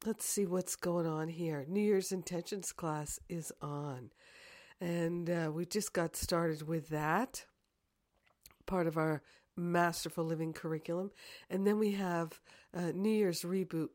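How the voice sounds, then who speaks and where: Her pitch sits fairly low, and sinus trouble makes her voice croaky, hoarse and congested. She is a spiritual teacher guiding a prayer through slow, repeated affirming phrases with long pauses, before closing with some casual announcements.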